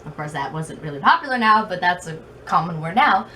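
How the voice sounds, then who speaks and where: A woman with a fairly low voice talks a little fast, her pitch swinging widely and her tone pushed and bright. She's a video blogger with a very slight lisp, rambling through casual stories at her own expense. She's in her bedroom, where a fan makes noise and the mic sits far away.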